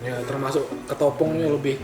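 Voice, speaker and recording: With a mid-range voice, fairly even intonation, and a fairly quick pace, a man hosts a podcast while eating, sometimes talking through a full mouth. The chat is casual and food-centered. Music sits behind him in an echoey room.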